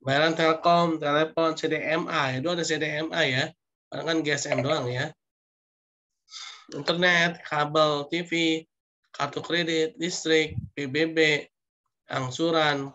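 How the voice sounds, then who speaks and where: A man's voice: a little high, fairly even intonation, normal speed, sharp tone, dull audio. A man lecturing online, reading through slide points with frequent "ya" and "nah" asides.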